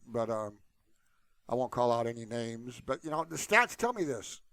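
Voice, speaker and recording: A man with a medium-pitched, fairly bright voice hosts his own YouTube channel, sounding very animated at a normal pace. He rambles casually and unscripted to his viewers, dropping "you know" again and again. There's no echo on the recording.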